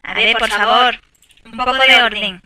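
A woman chats through gameplay in a very bright, slightly high voice, tossing exasperated asides to her viewers. She sounds set back from the microphone. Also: fairly even intonation, normal speed, distant mic. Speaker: gameplay streamer. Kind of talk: casual gameplay commentary.

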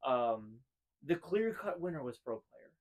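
A man's voice: medium pitch, very animated, a little slow, very noisy. A man in his thirties co-hosting a casual chat show, talking in an opinionated, emphatic way and repeating phrases to drive a point home. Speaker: co-host. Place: room full of hanging jerseys.

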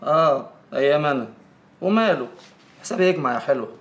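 An actor playing a mocking, sarcastic ex-husband with an Egyptian accent in a TV drama. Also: male voice, fairly high pitch, lively intonation, fast, fairly bright tone.

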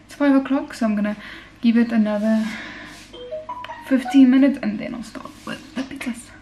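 Holding her phone at arm's length, a young woman films herself at home in the kitchen and bathroom, rambling casually to the camera as she cooks. Her voice is fairly high and warm, with fairly even intonation and normal speed. Faint music plays behind her, and the audio quality is low.

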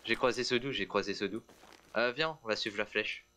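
A man's voice: fairly low pitch, fairly quick, pushed and bright. Man in casual game voice chat. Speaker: fellow player.

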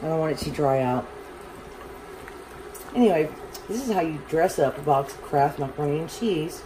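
In a home kitchen, an overhead camera on the stove captures a Southern woman giving a casual cooking demonstration. Her fairly low, expressive voice moves at normal speed as she chats, rambles and jokes about her own cooking. A loud fan hums steadily, leaving the background noisy.

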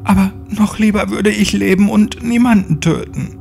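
A man's voice: normal speed, creaky, darkish tone, soft background music. A man doing a frightened, pleading young captive. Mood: desperate. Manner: high, strained, pleading.

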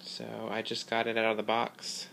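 A man hosting a casual hobby video, explaining equipment in an informal, halting way, recorded on a handheld device indoors. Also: on the low side, completely flat delivery, creaky, fairly bright tone, a little hiss or hum. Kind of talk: casual product demonstration vlog. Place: small carpeted room indoors. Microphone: handheld phone or camera mic.

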